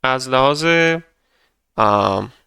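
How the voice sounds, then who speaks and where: A young male English teacher narrates a grammar lesson over slides, patiently going step by step and modeling English example sentences slowly so students can repeat them. His medium-pitched voice is bright and smooth. The recording is dry and close-miked, with no room sound.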